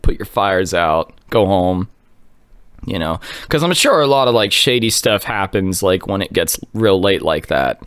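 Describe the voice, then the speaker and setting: A man with a lowish, clear, resonant voice tells a story in a laid-back, casual manner, peppering it with "like" and "you know." He's on a close mic in a small, quiet room with no echo.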